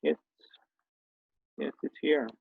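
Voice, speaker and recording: A native Swedish speaker from Sweden, once a schoolteacher, gives an informal explanatory talk with a Swedish accent. He is hesitant and halting, full of fillers and repeated restarts. The sound is phone-quality with no echo.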